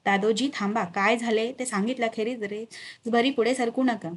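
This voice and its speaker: A woman's voice: a little high, fairly even intonation, normal speed, natural voice. A woman voicing a commanding royal mother who speaks firmly yet with care. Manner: firm, commanding, then consoling.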